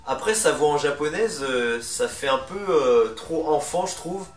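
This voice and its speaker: A man's voice: a little high, expressive, a little slow. A man hosting a ranking in casual, chatty, opinionated commentary. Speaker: video host presenting a ranking. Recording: roomy, distant mic, music underneath. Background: music.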